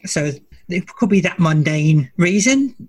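Husky-voiced man, dry close sound. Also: high voice, animated, measured pace, darkish tone, no echo. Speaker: podcast co-host. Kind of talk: casual fan discussion.

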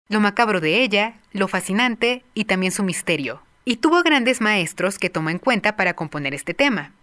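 A woman presenting a music appreciation lesson, explaining film music clearly and addressing her viewers directly. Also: medium pitch, a bit bright. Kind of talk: scripted educational narration.

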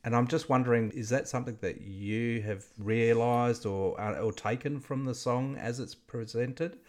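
A man's voice: medium pitch, moderate pace. Male podcast host. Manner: long, winding questions. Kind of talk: casual interview.

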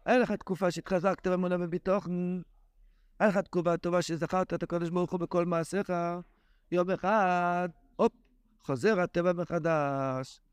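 A male Torah teacher giving a daily lesson in an impassioned, exclamatory manner. His voice is fairly high, and the recording is close and dry with no room sound. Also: clean tone, no echo. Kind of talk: daily religious text lesson.

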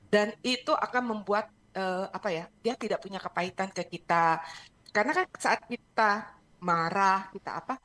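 A middle-aged woman, a parenting coach, telling a personal story on a radio talk show in a lively way, dropping English phrases. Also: medium pitch, normal speed. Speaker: parenting and emotion coach, guest.

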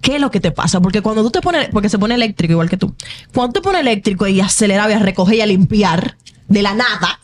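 A woman co-hosting a podcast, telling a story in lively casual chat and acting out what people said. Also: medium pitch, fast, slight background noise. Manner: animated storytelling, acts out quoted voices. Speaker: podcast co-host.

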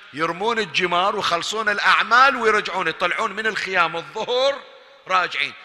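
A man with a Bahraini accent preaching a Shia majlis sermon, swinging from hushed, intimate talk to loud, impassioned appeals. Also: high voice. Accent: Bahraini Arabic. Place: large mosque hall. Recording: echoey hall with long reverb.

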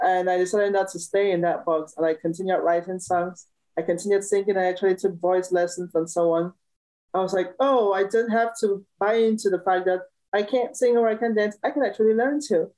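A woman's voice: medium pitch, fairly even intonation, fairly quick, mellow, poor audio. A woman from Cameroon, a musician guest in a casual interview, talking cheerfully and laughing often.

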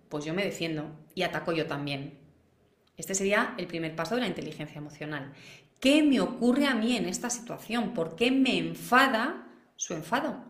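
A woman's voice: mid-range voice, reverberant. A woman leading a live class for parents, talking practically and posing questions to the viewers. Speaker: parenting educator.

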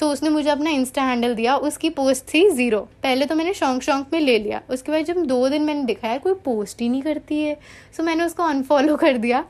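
A young woman talks straight to her camera, recounting her college days in a breezy, chatty way. She slips easily between English and Hindi, and her voice sits fairly high. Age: young adult. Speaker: college student vlogger. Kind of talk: casual storytelling vlog.

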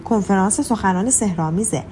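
A woman's voice: mid-range voice, a little mellow, slight background noise, lightly acted. Woman reading as an anxious male artist. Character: agitated male artist, anxious and easily alarmed. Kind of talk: audiobook character reading.

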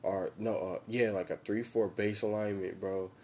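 Slangy young American frat-bro man, mellow voice. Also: on the low side, fairly even intonation, moderate pace, a little hiss or hum. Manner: slangy, profane frat-bro talk, emphatic and repetitive. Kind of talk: casual chat about football tactics.

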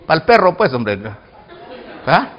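Man, pastor, fervent sermon, gravelly, lively pitch. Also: measured pace, highs cut off. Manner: fervent preaching, shouting calls then dropping low, jokes with the congregation.

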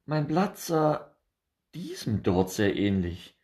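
A man voicing an anxious, excitable little squirrel in a children's storybook, shrill and loud. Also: slow. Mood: frantic. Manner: shrill, frantic, loud exclaiming. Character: anxious excitable squirrel, male, small, frets.

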